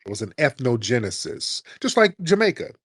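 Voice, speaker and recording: A man's voice: mid-range voice, very animated, fairly quick, a bit bright, dry recording. A man hosting a casual audio chat room, making his point insistently with rhetorical questions. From United States.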